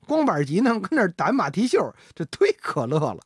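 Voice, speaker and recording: A woman voicing a shrewd, teasing old Qing emperor who speaks in mock-stern, drawn-out commands. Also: on the low side, huge pitch swings, breathy edge, no echo, clean studio sound, full character voice.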